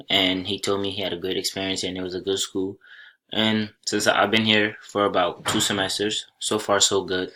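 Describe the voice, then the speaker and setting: With a low voice carrying a bright, forward edge, a young adult student from Senegal who was raised speaking Soninke walks his classmates through a slide presentation. He speaks plainly and at an easy pace, sometimes starting a phrase again.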